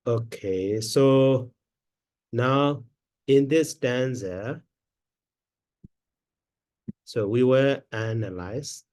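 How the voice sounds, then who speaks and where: Very slow-talking man teaching a language. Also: medium pitch, darkish tone, no room sound. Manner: counts syllables aloud one by one, many pauses and fillers. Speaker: Pali teacher. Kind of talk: slow explanatory lesson.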